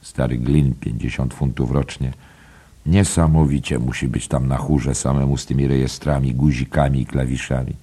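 A man with an extremely low, husky voice reads literary prose for an audiobook. His tone is dark and mellow, and his delivery is slow and measured, dropping at times to a hush. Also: little pitch movement. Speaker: narrator.

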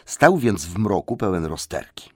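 Expressive male storybook narrator. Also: deep voice, moderate pace, breathy edge, dry recording, clean studio sound. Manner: lively, expressive reading. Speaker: audiobook narrator.

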